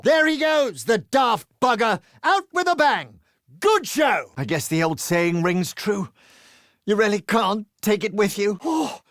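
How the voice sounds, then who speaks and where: A man with a British accent voicing a crude, sardonic male adventurer who trades cheeky, quick-witted quips in a video game. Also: very high voice, a bit bright, no room sound, clean studio sound, exaggerated voice. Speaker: playable game character.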